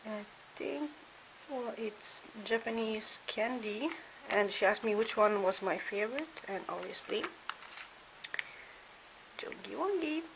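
Chatty woman vlogging, soft and hissy. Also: on the high side, slow pace, vocal fry, long pauses. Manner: chatty, half-whispered at times, with fillers. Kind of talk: casual show-and-tell vlog. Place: dim hotel room. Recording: hissy home recording. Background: steady hiss.

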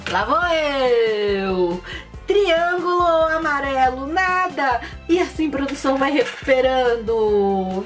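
A woman hosting a children's channel, playing a board game in an excitable, sing-song presenter way with lots of exclaiming. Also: sits high. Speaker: kids' channel host. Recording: voice a bit far from the mic, faint music.

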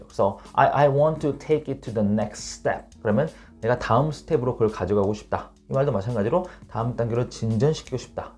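A man teaching an online English lesson. He explains patiently and reads the English examples slowly and clearly. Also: medium pitch, mellow.

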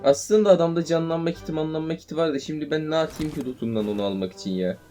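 A young man commentating his own mobile shooter game, shouting and swearing in fights, then calming himself down. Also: fairly high pitch, fast. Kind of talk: live gameplay commentary. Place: indoors at home playing on a tablet. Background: game gunfire and music.

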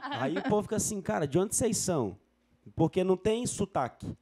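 A man from Brasília, a singer, chatting casually as a guest and telling stories in a relaxed way. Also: high voice, brisk. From Brasília, Brazil. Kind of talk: casual chat.

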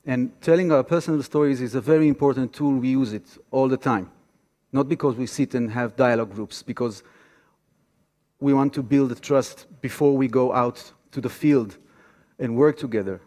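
A guest lecturer and activist from Tel Aviv speaks haltingly in a medium-pitched, warm voice with a steady tone. He gives an informal public lecture with personal stories on stage in a large theater auditorium, and the hall reverberates.

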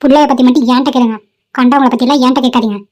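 A sharp, scolding cartoon mother, voiced by a woman, high-pitched and fast. She nags her son and snaps at her husband with little patience. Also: fairly even intonation, close to an everyday voice. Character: irritated middle-aged town mother nagging her son.

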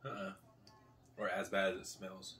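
A man in his thirties with a low voice talks casually through a food tasting. He is picked up by a camera mic a little way off in a living room, with faint room noise behind him. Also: completely flat delivery, moderate pace, pushed and bright. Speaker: host of a food challenge video. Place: small living room at a table, indoors. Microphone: camera a couple of metres away.

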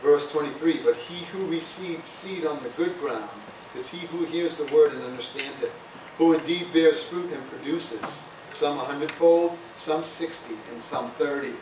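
A man's voice: fairly high pitch, moderate pace. A male pastor giving a conversational sermon, often adding "amen" and "hallelujah" between points. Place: church sanctuary. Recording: echoey church room, voice from far off, faint hiss.

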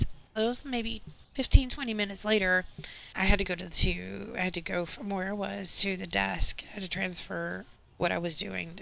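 Gravelly-voiced woman rambling candidly. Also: medium pitch, a bit bright, a little hiss or hum. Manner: candid, rambling storytelling about work. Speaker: gaming channel host. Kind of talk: casual commentary over gameplay. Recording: slightly dull lo-fi audio.

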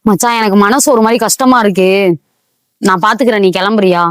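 A woman's voice: medium pitch, fast talker, natural voice. A woman acting as a lovesick young man who is searching for a girl from his dreams, in a pleading, despairing way, in an amateur short film recorded outdoors. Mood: dejected. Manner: pleading, despairing, close to tears. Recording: street traffic noise.

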